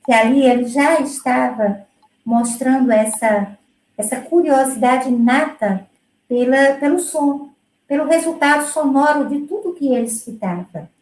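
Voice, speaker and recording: Brief: middle-aged woman music educator, high voice, chatty and explanatory, echoey room. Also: a little slow, a little mellow. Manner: explanatory, with many fillers and restarts. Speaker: music educator presenting her work. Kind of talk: conversational presentation.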